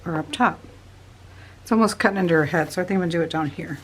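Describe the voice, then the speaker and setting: A woman's voice: lowish voice, quick pace, breathy edge. A woman in her thirties chatting casually while making a glued paper collage, often laughing and murmuring to herself as she works. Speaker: crafting vlogger. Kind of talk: casual chat while crafting.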